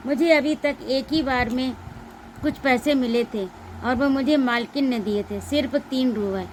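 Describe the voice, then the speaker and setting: A woman's voice: sits high, unhurried, slight background noise. A woman reading aloud as a timid, tearful young governess who speaks with a trembling voice. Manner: trembling, fearful, soft-spoken.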